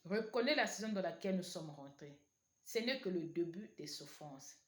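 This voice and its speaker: A low-pitched woman preaches a sermon to online viewers with lively intonation at normal speed. Her delivery is earnest, repetitive and exhorting, her first language isn't French, and the room is echoey.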